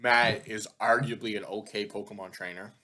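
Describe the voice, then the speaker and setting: A man's voice: fairly low pitch, steady tone, sharp tone. Rambling man on a casual podcast. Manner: rambling, filler-heavy, giggly; rapid-fire questioning. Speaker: podcast co-host. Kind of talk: casual chat.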